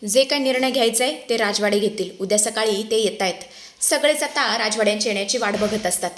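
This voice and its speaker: A woman's voice: mid-range voice, fast talker, reverberant, natural voice. An earnest young heroine pleads for help, as a woman narrator reads her lines. She speaks plainly and imploringly, close to the narrator's own voice, in a storybook retelling of a serial. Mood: pleading.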